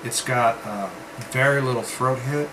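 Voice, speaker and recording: Male vlog reviewer, mid-pitched, casual and rambling with halting pauses, noticeable room hum behind him. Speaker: vape reviewer. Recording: steady background hum, like air conditioning.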